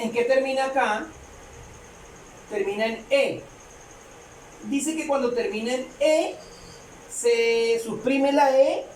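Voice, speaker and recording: A woman explaining a grammar rule to a class, halting often with fillers and repeating her phrases. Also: a little high, a little mellow. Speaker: English teacher. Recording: echoey room, distant mic, faint noise.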